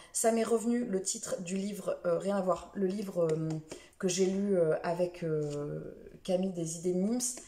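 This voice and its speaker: A woman with a mid-range, mellow voice records a casual book review chat in a roomy-sounding space. She's a book vlogger going over this week's books, drifting a bit and using lots of fillers and self-corrections.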